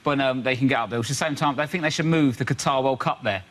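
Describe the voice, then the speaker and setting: A man's voice: mid-range voice, fast talker, heavy background noise. A man on a comedy panel, chatting in a mock-indignant way. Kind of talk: stand-up banter.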